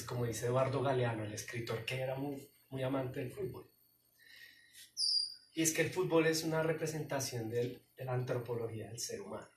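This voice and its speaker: Pastor preaching in an echoey hall. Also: male voice, on the high side, darkish tone, distant mic, a little hiss or hum. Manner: emphatic, pleading, addresses listeners directly. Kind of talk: sermon. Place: church hall.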